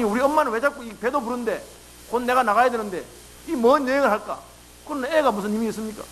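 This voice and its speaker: A man's voice: sits high, fairly bright tone, a little hiss or hum, low-quality recording. A male pastor preaching a sermon in a church, acting out imagined dialogue as he tells the story.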